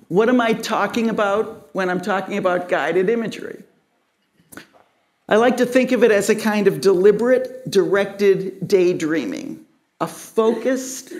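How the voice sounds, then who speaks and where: A woman teaching guided imagery to a live audience in a crowded room, explaining in a measured way. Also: medium pitch, a little mellow. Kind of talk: live lecture to a group.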